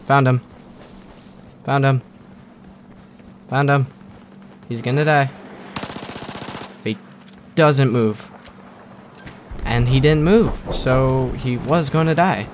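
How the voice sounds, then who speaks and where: Slow-talking young man joking over gameplay. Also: mid-range voice. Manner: joking, rambling, sarcastic. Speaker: gameplay commentator. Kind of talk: casual gameplay commentary. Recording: faint gunfire and game noise behind.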